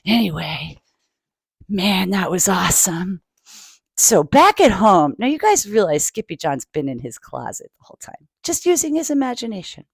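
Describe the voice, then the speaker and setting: Animated woman reading to children. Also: medium pitch, normal speed, gravelly, breathy edge, no echo, clean studio sound. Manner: animated, playful, asks listeners questions. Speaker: children's book reader.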